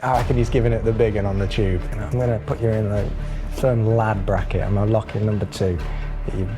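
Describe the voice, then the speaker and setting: A man's voice: lowish voice, fairly even intonation, fast talker, music in the background. A British man, an actor, talking casually in a laddish, teasing way. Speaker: actor promoting a comedy film. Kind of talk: casual chat.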